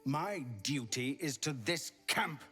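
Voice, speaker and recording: A man's voice: on the high side, animated, takes it slowly, bright, forceful tone, slightly rough, soft background music, heavily acted. An actor playing a stern, weary male camp leader in a video game.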